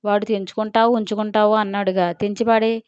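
A blunt, teasing young woman, voiced by a woman in an audio story, pressing each point. Clear smooth voice on a dry recording. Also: mid-range voice, flat delivery, brisk, darkish tone, no room sound, dull audio, lightly acted. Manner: teasing and emphatic.

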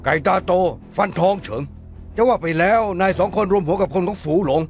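A man dubbing a crafty gangster middleman in a TV drama, wheedling and gruff. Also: sits high, fairly quick. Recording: drama dub with faint music.

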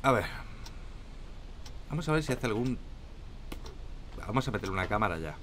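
A man's voice: on the low side, very animated, moderate pace, fairly bright tone, a little hiss or hum. A young man from Spain with a Spanish accent, chatting and joking to viewers during a solo game commentary. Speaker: gaming YouTuber.

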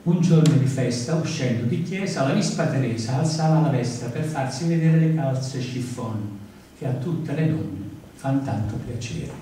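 An older man recites poems at a panel table, pausing for emphasis and slipping into hesitant chatty asides. His voice is mellow and mid-pitched. It is picked up from far across a very echoey lecture hall with a faint hiss. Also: animated. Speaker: poet reading at a book event. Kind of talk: poetry reading with asides. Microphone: far camera.

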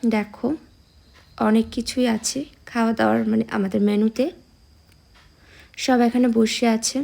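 A young woman chatting casually to her viewers in a vlog, her voice a little hoarse from a cold, speaking outdoors on a phone camera. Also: on the high side, flat delivery, a little slow, mellow. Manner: chatty, addresses viewers directly. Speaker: vlogger. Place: temple grounds outdoors.

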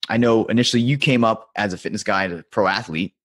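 A man's voice: on the low side, fast, a bit bright. A man hosting a podcast, chatting casually and laughing easily with his guest. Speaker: podcast host.

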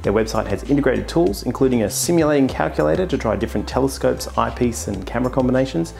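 An Australian man rattles through a comedic sponsor read at a brisk clip, keeping a deadpan mock-salesman tone. His voice sits at an ordinary middle pitch for a man. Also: gravelly, faint music behind. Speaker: astronomer and channel host.

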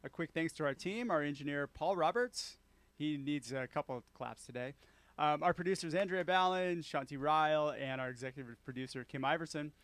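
A man hosting a talk radio interview, chatty and upbeat. His voice sits a bit higher than most men's, and he keeps chiming in with quick words of agreement. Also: fairly bright tone, dry recording. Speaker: radio show host.

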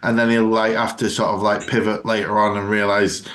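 A man's voice: fairly low pitch, flat delivery, a little fast, fairly bright tone. A man co-hosting a casual podcast chat, rambling loosely and slipping into jokey impressions. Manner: chatty, rambling, breaks into mocking impressions. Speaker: podcast co-host.

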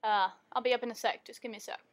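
A woman's voice: a little high, fairly even intonation, very fast, close to an everyday voice. A distracted older brother, put on by a woman, stalling at the computer. He mumbles in an offhand, put-off way and keeps brushing off the request.

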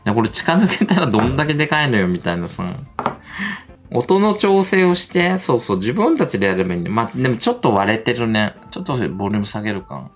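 Animated, gossipy middle-aged man. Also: medium pitch, quick pace, faint music behind. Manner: animated, gossipy, laughs often. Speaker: livestreamer. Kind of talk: casual livestream chat.

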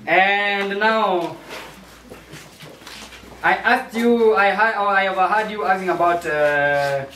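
In an amateur stage play, a man plays a chatty American surveillance expert, using a high, pushed, bright voice that is heavily acted and slow. He explains things hesitantly and tags his sentences with "eh?", recorded on a roomy, distant mic with faint noise.

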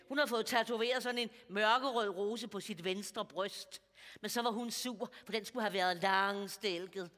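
Woman playing a bawdy old lady, bright and forceful, stage mic with a long hall echo. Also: on the high side. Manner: gossipy, bawdy, confiding, chuckling at her own jokes. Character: bawdy chatty older woman of about seventy. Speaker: comedian. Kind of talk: stand-up character monologue.

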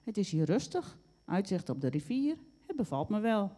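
An unflappable storybook rat who has seen the world and answers insults with dry calm, voiced by a woman. The voice stays low-key and mellow, warm rather than bright. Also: normal speed. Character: calm, well-traveled, unflappable male rat.

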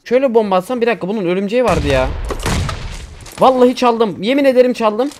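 Excitable man commentating his game. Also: extremely high pitch, fast talker, music in the background. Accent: Turkish. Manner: excitable, swears casually, talks to viewers and teammates. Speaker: gaming YouTuber. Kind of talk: casual gameplay commentary.

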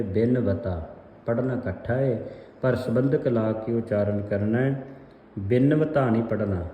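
A man teaching the correct pronunciation of scripture verses, with a Punjabi accent. He repeats words slowly and chants the verse lines in a sung recitation. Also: mid-range voice, mellow. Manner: slow, deliberate, repeats words to drill pronunciation. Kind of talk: slow scripture pronunciation lesson. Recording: echoey room with long reverb.

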